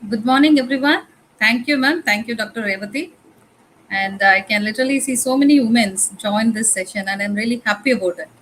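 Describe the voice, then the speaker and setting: A woman's voice: fairly high pitch, a little fast, fairly bright tone, slight background noise, low-quality recording. Tamil-accented woman guest lecturer. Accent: Tamil-influenced Indian English. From India, Tamil Nadu. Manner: conversational, repeats phrases, fillers. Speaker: guest speaker. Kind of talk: lecture talk.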